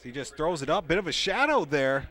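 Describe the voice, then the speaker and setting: A man's voice: on the high side, very animated, a little fast, pushed and bright. A man working as a color commentator, analyzing football plays and replays. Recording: crowd noise at outdoor stadium.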